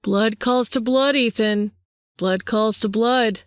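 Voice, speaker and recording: A woman's voice: on the high side, takes it slowly, no echo, clean studio sound. A woman voicing a power-hungry vampire man who taunts his younger brother in a sing-song way. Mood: menacing.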